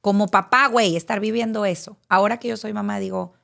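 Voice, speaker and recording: A woman in her late thirties with a Mexican accent shares a frank personal testimony on a podcast. Her voice sits at a middle pitch with a gravelly, frying edge. She talks straight to the listener and swears casually. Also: fairly even intonation, fast, fairly bright tone. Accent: Mexican Spanish. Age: late 30s. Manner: candid, addresses listener directly, casual swearing. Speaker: podcast guest.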